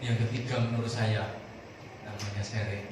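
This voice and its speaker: A male pastor preaching a sermon, animated and calling on the congregation to answer together. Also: on the low side, moderate pace. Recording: echoey room, far from the mic, clear noise.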